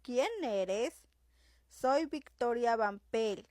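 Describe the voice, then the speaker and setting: Woman reading as a spiteful noble lady, mocking, contemptuous, slow and soft, dry audiobook. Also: fairly high pitch, no echo. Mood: scornful. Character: haughty scornful young noblewoman, a spiteful rival.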